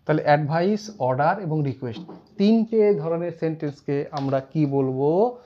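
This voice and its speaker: English teacher guy, fairly high voice, dull lo-fi sound, repeats stuff slowly. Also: a little hiss or hum. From India. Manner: explains slowly, repeats terms, quotes example sentences. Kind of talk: classroom grammar lesson.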